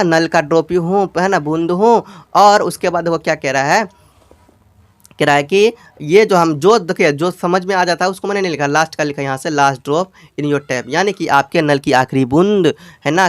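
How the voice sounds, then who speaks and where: A male English teacher with a Hindi accent and a smooth, slightly high voice reads a storybook in a bilingual lesson. He explains slowly, repeats lines, and asks students questions, reading the English very slowly word by word; there is no room sound.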